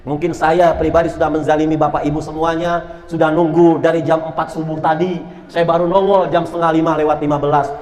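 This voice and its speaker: A man preaches to a mosque congregation and brings his stories to life by acting out each voice. His voice sits high for a man. The sound carries a long reverb from a large hall. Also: brisk. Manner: animated, acts out voices in stories. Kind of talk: mosque sermon with storytelling.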